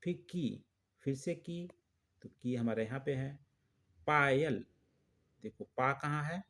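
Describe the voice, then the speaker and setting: A male teacher goes through a children's textbook lesson slowly and deliberately, repeating phrases and checking in with frequent short questions. His voice is middle-pitched, expressive, and a bit bright.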